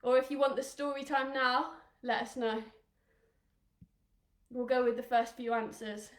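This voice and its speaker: A woman's voice: fairly high pitch, flat delivery, measured pace, echoey room. A woman from England coaching young children through a live online rugby skills session, upbeat and encouraging, counting down drills and sometimes out of breath. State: out of breath at times.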